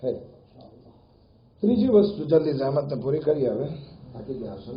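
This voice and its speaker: A man giving an animated sermon, telling stories with rising emphasis. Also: medium pitch, moderate pace. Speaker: preacher. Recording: echoey hall, dull lo-fi sound, faint noise.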